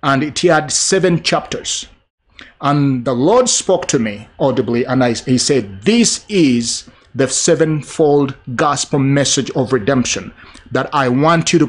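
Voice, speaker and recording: A middle-aged man from Uganda preaching a sermon, slow and emphatic, with frequent fillers and restarts. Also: medium pitch.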